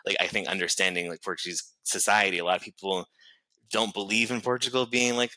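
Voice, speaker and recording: A man with an American accent and a deep voice that still sounds strikingly bright and forceful. He rambles along as a podcast guest, leaning on filler words and breaking into small laughs. The sound is very dry and close. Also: steady tone, fairly quick, no room sound, rough recording. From United States. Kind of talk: casual conversation.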